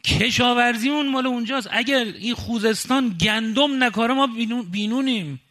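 A man from Khuzestan delivers an impassioned sermon in a high, bright, forceful voice. He hammers his points with indignant rhetorical questions. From Khuzestan, Iran.

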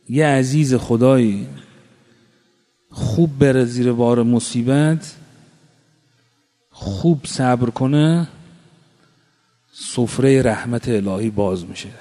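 Impassioned preacher in an echoing hall. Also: male voice, mid-range voice, dark tone. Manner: impassioned, rhetorical questions, chanted Arabic quotations. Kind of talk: religious sermon. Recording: long reverb of a hall.

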